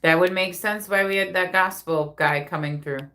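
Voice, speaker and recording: Female live-stream medium, informal and viewer-directed, voice a bit lower than most women. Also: steady tone, normal speed, pushed and bright. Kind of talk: casual live spirit reading.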